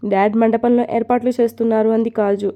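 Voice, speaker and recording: A woman voicing a caring younger sister who calmly reassures her older sister. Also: fairly high pitch, fast, close to an everyday voice. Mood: reassuring. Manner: reassuring, persuasive.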